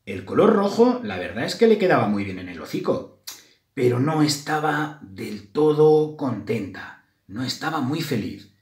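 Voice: medium pitch, far from the mic. A library storyteller reading a children's story aloud and addressing the children. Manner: slow, lively, addresses children. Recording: roomy echo.

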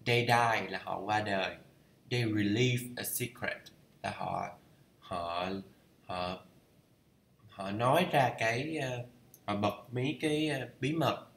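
A Vietnamese man talking through English idioms in a casual study vlog. He thinks aloud and reads English phrases slowly to check how they are pronounced. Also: lowish voice, gravelly, fairly bright tone, reverberant. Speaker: learner reading a course aloud.

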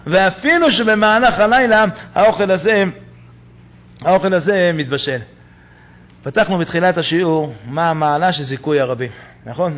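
A man's voice: a little high, fairly bright tone. A man, a rabbi, giving a Torah lesson in a synagogue, telling stories and asking his listeners rhetorical questions.

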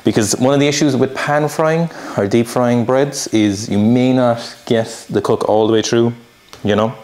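An Irishman in his thirties explains how to make dumplings in his home kitchen, speaking at a medium pitch and moderate pace with a slightly mellow tone. He's a cook demonstrating a recipe, and his casual chat is laid-back and dry. A camera a few feet away records him.

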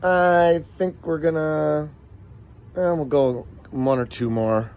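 A man's voice: fairly high pitch, slow, darkish tone. A middle-aged man running a casual product demo vlog, rambling and folksy as he talks viewers through shot results. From United States. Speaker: shop owner demoing airguns.

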